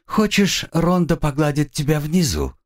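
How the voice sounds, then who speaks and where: A man's voice: on the high side, wildly swooping pitch, measured pace, a little mellow, pitched above the performer's own voice. A man voicing a sadistic adult woman captor who purrs soothing words with mocking coldness. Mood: purring. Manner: purring, mocking, coldly soothing.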